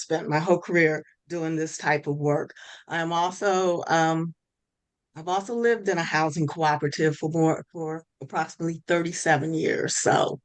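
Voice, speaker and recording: An older woman, a housing consultant, introducing herself slowly on a video call. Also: fairly low pitch.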